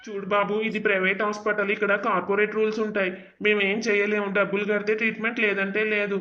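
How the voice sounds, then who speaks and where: An actor voicing a cold, matter-of-fact private hospital doctor in a cartoon drama. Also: male voice, high-pitched, monotone, quick pace, bright, forceful tone, lo-fi sound.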